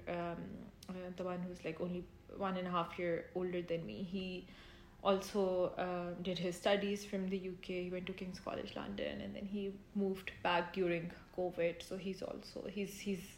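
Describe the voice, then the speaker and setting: A woman's voice: fairly low pitch, flat delivery, moderate pace. A young woman from Pakistan in her twenties, chatting casually as an interviewee, with lots of fillers and easy laughter. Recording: echoey room with faint ambient noise.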